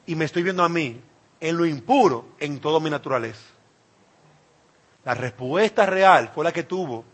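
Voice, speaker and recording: Male preacher, high-pitched, emphatic sermon delivery, shifts from loud to hushed. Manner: emphatic, swinging between loud cries and hushed asides.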